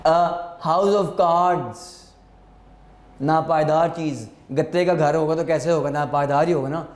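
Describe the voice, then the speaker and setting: A man teaching English vocabulary, slowly dictating words and meanings and repeating them for students. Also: on the high side, roomy sound. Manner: slow, deliberate, repeats words for students to note down.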